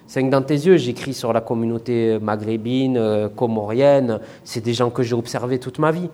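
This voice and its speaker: A man's voice: mid-range voice, moderate pace, warm tone. A man with a Marseille accent, an author talking loosely in an interview, with many fillers and restarts. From France. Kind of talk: casual interview talk.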